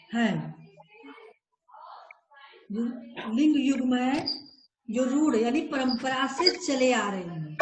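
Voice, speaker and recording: A woman school teacher leading a grammar class, slowly listing word pairs for her students. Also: sits high, reverberant, background noise. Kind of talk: online Hindi grammar class.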